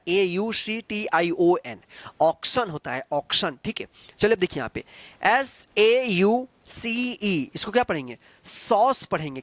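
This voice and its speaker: High-voiced man teaching English pronunciation. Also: a bit bright, no room sound. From Bihar, India. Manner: repetitive, asks questions and answers them himself; spells words letter by letter slowly. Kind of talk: classroom-style spelling and pronunciation lesson.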